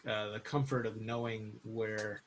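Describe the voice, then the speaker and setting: Relaxed rambling middle-aged man. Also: lowish voice, unhurried, slight background noise. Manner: relaxed, rambling, laughs often. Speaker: guest musician. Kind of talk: casual interview chat.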